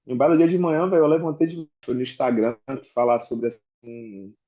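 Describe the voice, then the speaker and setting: Fast-talking Brazilian man, slangy. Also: medium pitch, muffled recording. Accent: Brazilian Portuguese. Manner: casual slangy speech, repeats "velho" and "e tal". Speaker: MMA fighter, interview guest. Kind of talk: candid personal storytelling.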